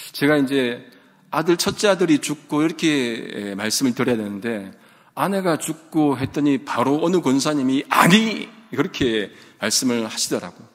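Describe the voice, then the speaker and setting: Male pastor, devotional sermon, earnest rhetorical questions, long hall echo. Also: medium pitch. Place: church.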